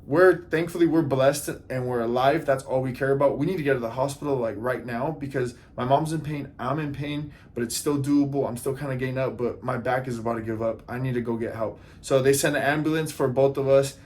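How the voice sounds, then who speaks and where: A vlogger tells a casual storytime, earnestly retelling events, acting out what people said, and often addressing his viewers directly. His mid-range voice moves a little fast, with few pauses.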